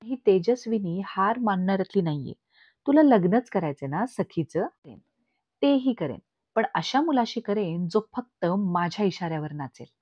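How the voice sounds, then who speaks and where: A woman's voice: mid-range voice, expressive, normal speed, darkish tone, breathy edge, no echo. Domineering scheming mother, commanding, read by a woman, lo-fi. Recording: dull lo-fi recording.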